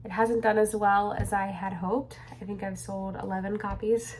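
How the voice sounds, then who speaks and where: Speaking from a room at home that she's clearing out, a young crochet pattern designer vlogs casually in a mid-range, level, slightly mellow voice at a moderate pace. A faint hiss or hum is audible, and she rambles chattily, heavy on fillers and a little breathless.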